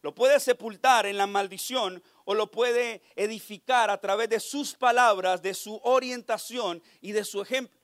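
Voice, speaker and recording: A man preaching a Sunday sermon, mixing jokes and anecdotes in a lively storytelling manner. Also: high voice, measured pace, hardly any pauses, no room sound, clean studio sound. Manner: lively storyteller, slips into character voices.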